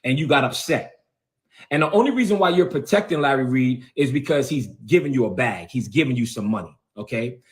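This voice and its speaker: A man's voice: medium pitch, expressive, fairly quick. A man, a bishop, ranting confrontationally on his own livestream, repeating himself and calling people out. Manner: confrontational, repetitive, heated. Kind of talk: livestream rant. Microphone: phone or webcam on a livestream.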